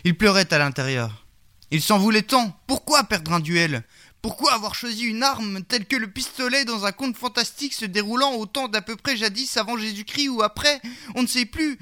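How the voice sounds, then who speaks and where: A man's voice: sits high, pushed and bright. A man narrating a comic fairy tale in a mock-solemn tone, with absurd asides.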